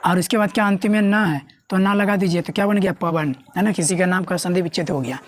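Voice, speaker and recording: A woman's voice: fairly low pitch, quick pace. A woman teaching a grammar lesson, often asking herself questions and answering them. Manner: asks and answers her own questions. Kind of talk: classroom lesson explaining at a board.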